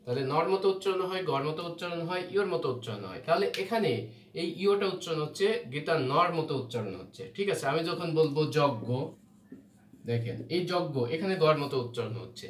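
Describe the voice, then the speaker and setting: A man's voice: fairly high pitch, lively intonation, fast, distant mic. A man teaching Bengali spelling rules for exams, explaining patiently and often checking that students follow. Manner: explains patiently, often asks "ঠিক আছে?". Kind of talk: exam-prep spelling lesson. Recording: roomy echo, from away from the mic, faint hum.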